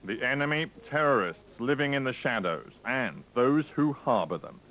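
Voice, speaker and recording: A man files a scripted news report in a measured, grave tone, his voice sitting in a middle register. The sound comes from a worn tape copy of the broadcast, with a faint hiss running underneath. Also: medium pitch, lively intonation. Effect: worn VHS tape copy. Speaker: news correspondent.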